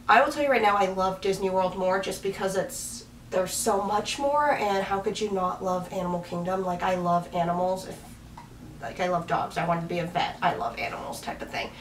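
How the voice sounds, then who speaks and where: A Washington State vlogger in her twenties sits on her bed with her dog in a small bedroom, chatting to the camera and laughing at her own rambling. Her pitch is medium. The camera mic, a few feet away, gives roomy, slightly far-off audio with a bit of background noise.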